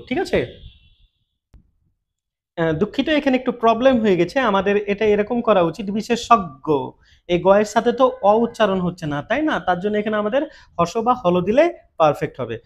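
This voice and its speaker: High-voiced man patiently teaching pronunciation. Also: a little hiss or hum. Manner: patient, checks in often with "ঠিক আছে?". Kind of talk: explaining exam answers.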